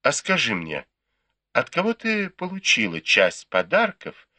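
A man voicing a proud, quick-tongued young noble lady in an audiobook, reproachful and teasing. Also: medium pitch, huge pitch swings, bright, forceful tone, dry recording, voice pushed up, heavily acted. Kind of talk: audiobook character reading.

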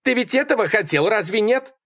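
Shrill, mocking young woman hitchhiker, put on by a male narrator; very high and lively, dry close sound. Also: fairly quick, no echo. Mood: taunting.

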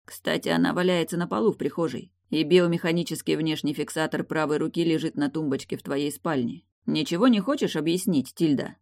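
A woman's voice: low-pitched, brisk, few pauses, a little mellow. A woman voicing a hungover, sardonic man who talks drily and mockingly, in an audiobook. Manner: dry, mocking.

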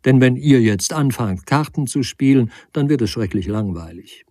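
Male reader doing playful hostess, raised pitch, mellow husky tone. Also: expressive, normal speed, no room sound, clean studio sound, close to an everyday voice. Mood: coaxing. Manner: teasing, bubbly. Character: lively chatty hostess, teasing woman.

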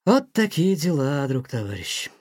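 A man voicing an aging museum director who sighs and speaks softly and kindly. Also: fairly high pitch, very animated, a little slow, dry recording, studio quality. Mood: sad, sighing. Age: older. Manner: sighing, soft-spoken, talks kindly to a mouse. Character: weary aging male museum director, gentle and sad.

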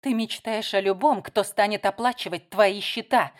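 Audiobook: woman voicing a loud, defensive young assistant. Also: medium pitch, moderate pace, lightly acted. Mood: angry. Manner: earnest then sharp and snapping.

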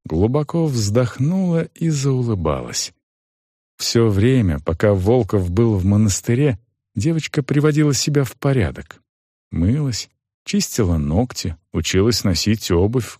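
A male audiobook narrator reads a fantasy story from a script, his medium-pitched delivery measured and expressive. The recording is dry and studio-clean.

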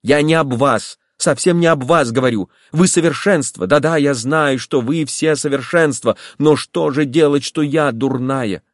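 A man reading an audiobook voices an impulsive young woman, pleading and agitated, in a lively character voice. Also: on the high side, a little slow, few pauses, dry recording, studio quality, voice pushed up, close to an everyday voice.

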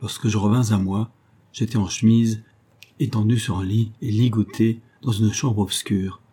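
A man's voice: lowish voice, steady tone, moderate pace, mellow, breathy edge. A man voicing a distressed young army lieutenant telling of his capture, read aloud in an earnest first-person manner. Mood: tense. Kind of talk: audiobook reading.

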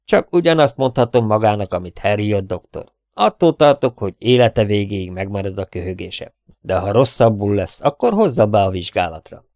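A man voicing a brisk, kind-hearted country vet with a gruff, hurried manner of talking. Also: on the low side, big pitch swings, a little mellow, no room sound, clean studio sound. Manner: gruff and hurried, often dropping to a furtive whisper.

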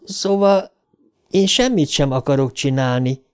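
A man's voice: a little high, clean tone, voice pushed up, natural voice. A man reading an audiobook, voicing a frightened young boy who answers tensely and defensively. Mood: shaken, defiant. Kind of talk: audiobook character voice.

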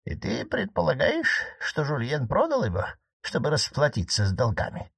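A poised old marquise speaks with quiet irony, her tone lifted high and moving freely up and down, as a male narrator puts her on. She is composed and gently mocking, in a dry, close audiobook reading. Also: wildly swooping pitch, normal speed, creaky, slightly rough, dry recording, heavily acted. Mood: calmly certain. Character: calm, ironic elderly aristocratic aunt, a marquise.

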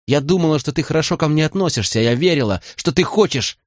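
A man's voice: fairly high pitch, lively intonation, fast talker, no echo, pitched above the performer's own voice, close to an everyday voice. Guy putting on a proud hurt young woman, heated and reproachful, audiobook, dry close sound.

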